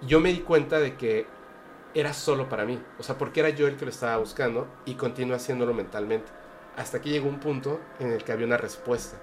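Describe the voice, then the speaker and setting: A man's voice: mid-range voice, fast talker, a little hiss or hum. A man with a Mexican Spanish accent telling a personal story on a podcast, earnest and hesitant with many fillers and restarts. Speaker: podcast guest. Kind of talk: casual storytelling.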